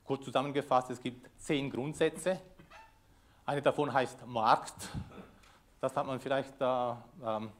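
Speaking at a lectern microphone before a lecture room audience, a conference presenter from Switzerland, a native Italian speaker, talks in a medium-pitched, fairly even voice at a slightly slow pace. He stumbles along loosely, leaning on many fillers.

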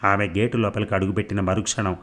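A man narrates a serialized novel in a steady, even storytelling delivery. His voice sits low and deep, suited to a long audiobook reading. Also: fast.

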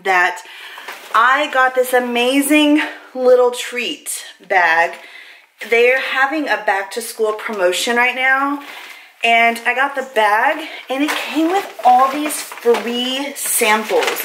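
Filming a casual grocery haul in her home kitchen, an American woman in her thirties chats and rambles informally, holding the camera at arm's length and using its built-in mic. Her voice is a little high and a bit bright, her pace slow, and the rough recording carries a faint hiss or hum.

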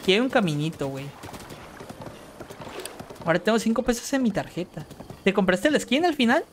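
A woman with a Mexican accent streaming gameplay, talking in slangy, profane chatter and bursting into panicked yelling. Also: mid-range voice, very animated, a little fast, noisy background. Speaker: gaming streamer. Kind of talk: live gameplay commentary.

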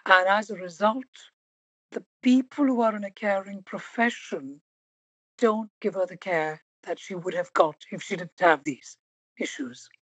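A woman hosting an interview podcast, talking reflectively and stressing single words slowly for emphasis. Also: mid-range voice, slightly rough, no echo, poor audio. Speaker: podcast host.

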